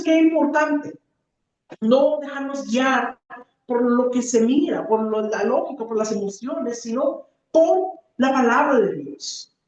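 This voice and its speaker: A woman preacher giving an earnest teaching sermon, often pausing on rhetorical questions. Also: sits high, a little mellow, slight background noise. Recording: echoey, distant, dull room recording.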